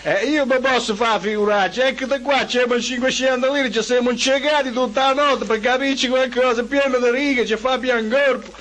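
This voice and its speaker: A man's voice: very high-pitched, steady tone, normal speed, few pauses, a bit bright, low-quality recording. A man playing a chummy, cocky Neapolitan convict on a comic radio phone-in, rambling in Neapolitan street slang. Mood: ranting, boastful. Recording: hissy radio recording.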